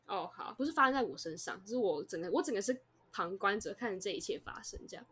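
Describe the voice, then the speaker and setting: Fast-talking breathy young woman storyteller. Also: medium pitch, expressive, a bit bright. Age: young adult. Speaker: podcast co-host. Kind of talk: casual chat.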